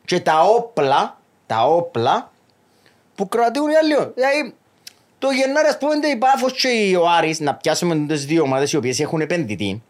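Middle-aged Cypriot man, podcast guest, lively high voice that rises and falls a lot. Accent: Cypriot Greek. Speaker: guest, club official. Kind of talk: casual podcast chat.

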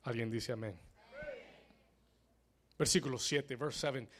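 A man preaching a sermon, repeating his lines in English after Spanish and building into shouted declarations of prayer, calling on the congregation to respond. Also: medium pitch, measured pace, a little hiss or hum.

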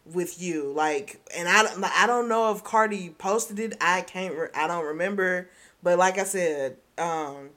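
A woman hosting a podcast in casual gossip chat, excitable and rambling, swinging from loud bursts to hushed asides. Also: on the low side, measured pace. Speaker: podcast host.

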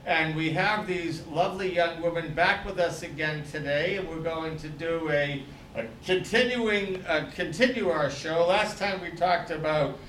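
Jokey co-host, distant echoey mic. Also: male voice, fairly high pitch, measured pace, fairly bright tone, a little hiss or hum. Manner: chatty, jokey, many fillers. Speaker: podcast co-host. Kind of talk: casual chat.

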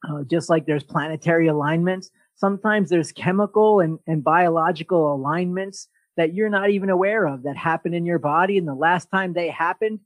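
A man hosting a podcast, giving an energetic motivational talk and often restarting his sentences. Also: a little high, brisk, hardly any pauses, no room sound, poor audio. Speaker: podcast host.

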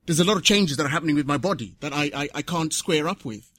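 A man speaking at a conference, short of breath, earnest and reflective, pausing to correct himself. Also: fairly high pitch, animated, a bit bright, no echo. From Zimbabwe. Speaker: conference speaker, patient advocate. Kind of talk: conference speech. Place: conference hall.

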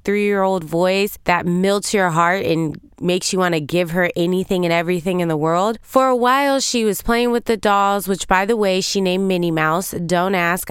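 A woman in her thirties coaching listeners through a solo podcast, her voice very smooth and resonant in a dry, close recording. She talks in a lively way and keeps asking her listeners questions. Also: on the low side, no room sound. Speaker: podcast host and business coach. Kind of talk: motivational solo podcast talk.

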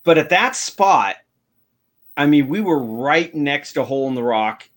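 A man's voice: fairly high pitch, lively intonation, a little slow. A man with an American accent chatting casually as host of a livestream about fishing.

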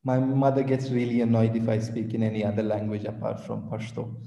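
A man's voice: on the low side, fairly even intonation, brisk, vocal fry, mellow, lo-fi sound. A man from India, a podcast guest, talking hesitantly with many fillers and restarts. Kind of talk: conversational interview. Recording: echoey room with long reverb.

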